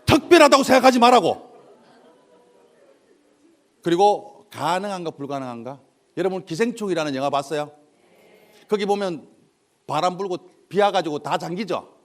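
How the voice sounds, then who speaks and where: A man delivers a comic motivational lecture to a live audience, telling stories and playing the characters in them. His voice sits high and swings widely in pitch, which keeps the animated delivery bouncing. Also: moderate pace, pauses often. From South Korea. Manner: animated storytelling, acting out dialogue in dialect and character voices.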